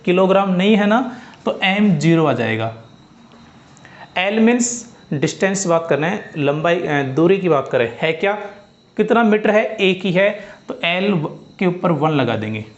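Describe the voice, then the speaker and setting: A man with a high voice and lively intonation teaches a physics lesson, speaking a little slowly on a muffled recording. In classroom style, he keeps going back over the steps and asking his students if they've understood.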